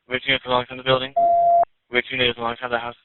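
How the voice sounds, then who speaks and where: Guy on police radio dispatch, flat monotone, quick clipped readbacks, thin narrowband sound w faint static. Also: medium pitch. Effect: police radio transmission.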